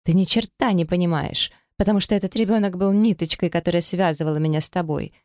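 A man's voice: normal speed, gravelly, dry recording, studio quality. A man putting on a hysterical deceitful young wife. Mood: shrieking. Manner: pleading, sobbing, shrill.

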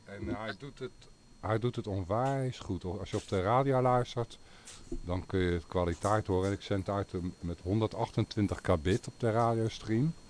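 A man's voice: fairly low pitch, moderate pace, a little mellow. A man hosting a radio call-in show, chatting casually about his equipment with fillers. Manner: chatty, talks gear at length with fillers. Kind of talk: casual on-air chat.

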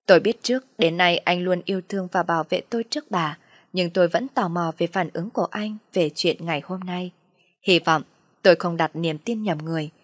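A woman narrating a first-person family story in a calm, reflective way. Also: fairly low pitch, dry recording, clean studio sound.

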